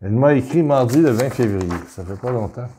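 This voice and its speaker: A middle-aged man with a Québécois accent gives an informal spiritual talk, reading viewers' letters aloud in a halting way with many restarts. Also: mid-range voice, animated, dark tone, a little hiss or hum. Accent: Québécois French.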